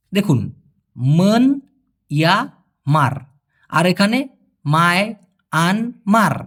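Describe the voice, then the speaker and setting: A man from Bangladesh gives a casual language lesson in a fairly high voice. His pitch swings widely as he explains, and he repeats phrases slowly and quizzes his listeners as he goes. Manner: explains patiently, repeats phrases slowly, asks the viewer questions. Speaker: language tutor.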